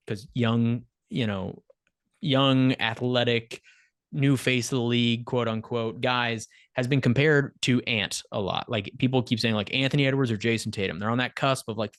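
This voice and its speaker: A man's voice: medium pitch, dry recording, studio quality. A man co-hosting a casual sports podcast, talking animatedly and rattling off stats with the odd laugh mid-sentence. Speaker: podcast co-host.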